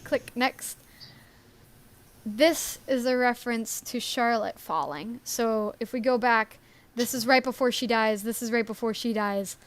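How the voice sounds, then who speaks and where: A woman's voice: fairly high pitch, a little slow. A woman co-hosting a casual live stream, talking in a chatty, rambling way with many ums and little laughs. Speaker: story creator and stream co-host.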